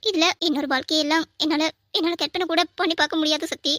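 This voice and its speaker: A woman's voice: high-pitched, fairly even intonation, quick pace, a bit bright, no echo, studio quality. A woman voicing a grieving young widowed mother who speaks tearfully and pleadingly in an audio drama. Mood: devoted.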